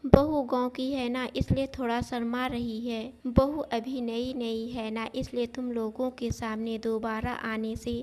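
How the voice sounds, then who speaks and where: A woman's voice: a little high, little pitch movement, measured pace, few pauses, a little mellow, lightly acted. A woman voicing a scornful, bossy middle-aged mother-in-law in a storybook reading, with a cutting manner. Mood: falsely sweet. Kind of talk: storybook narration.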